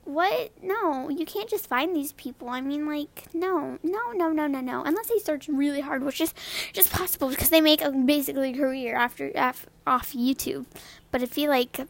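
A young woman with a high girlish voice, chatting casually about gaming, rambling with many fillers and repeated words. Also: moderate pace, vocal fry. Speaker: gamer vlogger. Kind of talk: casual chat to camera.

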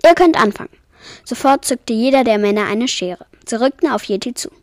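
A woman reads a children's story aloud in a calm, soft-spoken way. Her voice sits fairly high, and the recording is dry and close. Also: brisk, dry recording. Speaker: podcast storyteller. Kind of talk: storybook reading.

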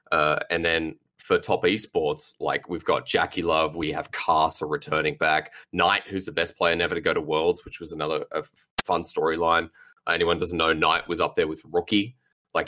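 A man with a low, deep voice that has a forceful, bright edge. He talks in casual panel chat as an esports analyst, rambling through long takes with lots of fillers and restarts. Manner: rambling, filler-heavy, apologizes for ranting.

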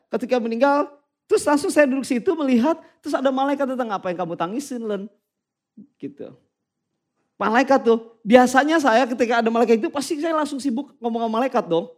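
A man preaches to his congregation in a strikingly high voice. He is animated and talks to them directly. When he reads scripture aloud he slows right down. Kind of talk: sermon.

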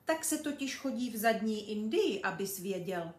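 A woman voicing a cheeky nine-year-old girl who tells tall tales, lively and loud, in an echoey room. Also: natural voice. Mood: boastful. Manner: lively, boastful, high and loud.

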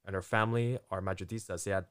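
A man in casual chat, telling a story with animated delivery, acting out quotes and laughing often. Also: sits low, fast, smooth.

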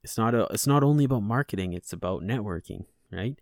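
A man with a lowish voice runs his own casual podcast, speaking quickly and animatedly in studio-quality sound with no room noise. He swears and speaks bluntly, ranting about self-responsibility as his frustration builds.

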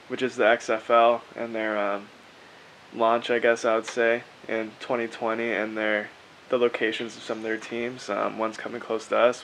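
A man co-hosting a casual sports podcast, low-key and hesitant, with frequent ums. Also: a bit bright, slight background noise. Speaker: podcast co-host.

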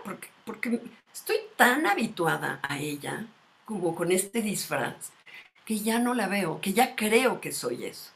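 A woman, speaking as a guest expert in a calm, measured, explanatory conversation and asking her listeners questions. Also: medium pitch.

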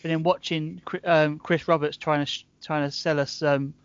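A man's voice: fairly high pitch, flat delivery, normal speed, lo-fi sound, slight background noise. A British man, a podcast guest, telling an anecdote and acting out the exchanges. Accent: British English. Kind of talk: casual chat.

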